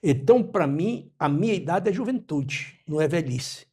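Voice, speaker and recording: A man in his eighties from Brazil, speaking as an interview guest in a measured, reflective way and quoting scripture and proverbs. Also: a little high, animated, mellow, slightly rough. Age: 80s. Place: his home.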